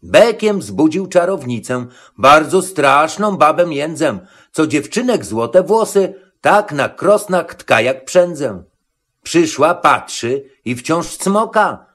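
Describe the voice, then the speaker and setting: Man, storybook narrator, rhymed verse, lively melody, slow pace. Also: fairly high pitch. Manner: expressive, rhythmic verse reading.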